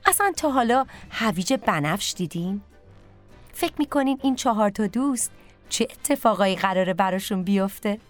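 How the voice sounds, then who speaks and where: A woman's voice: mid-range voice, lively intonation, faint music behind. A woman narrating a bedtime story for children and speaking directly to them.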